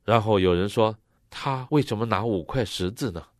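A man interpreting a sermon phrase by phrase, matching the preacher's expressive delivery. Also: lowish voice, moderate pace, no room sound, clean studio sound.

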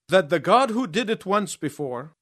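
A man preaching a sermon in short phrases, pausing so an interpreter can translate each one. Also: sits high, very animated, a bit bright, no echo, clean studio sound.

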